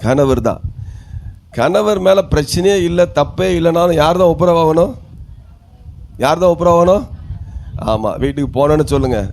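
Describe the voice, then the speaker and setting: A male pastor with a Tamil Nadu accent preaches to his congregation, often asking them questions and calling out hallelujah. His voice sits high for a man. A faint hum runs under it. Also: moderate pace, vocal fry, pauses often, darkish tone. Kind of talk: sermon.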